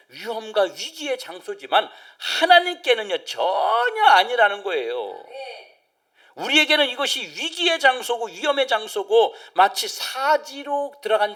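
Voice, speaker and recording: Male pastor, sermon, high and very lively pitch, acts out crowd voices, swings loud to hushed. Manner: animated, acts out crowd voices, drops to near-whisper. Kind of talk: Wednesday service sermon.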